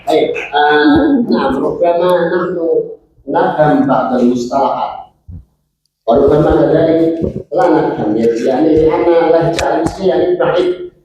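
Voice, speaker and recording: A man's voice: fairly high pitch, sing-song, takes it slowly, echoey room, muffled recording, noisy background. A man lecturing a university class, mixing Arabic phrases into his Indonesian and quizzing his students.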